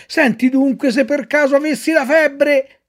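A woman's voice: normal speed, close to an everyday voice. A woman voicing a desperate, remorseful wooden puppet boy, pleading and wailing in a raised voice. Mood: frightened. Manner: wailing, pleading, high and excitable.

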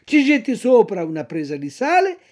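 A woman voicing a sly, smooth-talking male fox swindler in a storybook reading, coaxing and theatrical. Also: fairly high pitch, very animated, normal speed, a little mellow, pitched above the performer's own voice.

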